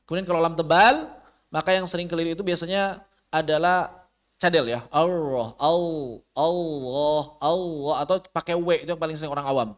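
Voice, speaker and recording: A man teaching tajwid in an online class, explaining pronunciation patiently and demonstrating it with slow, drawn-out recitation and repeated syllables. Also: fairly high pitch, fairly bright tone. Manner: patient, repeats sounds and syllables many times. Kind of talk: online Quran recitation lesson.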